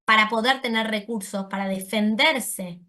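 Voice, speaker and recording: A woman's voice: medium pitch, normal speed, bright, forceful tone. A woman giving an explanatory lecture to an audience, correcting herself as she goes. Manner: explanatory, uses voseo, self-corrects. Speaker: speech therapist giving a talk.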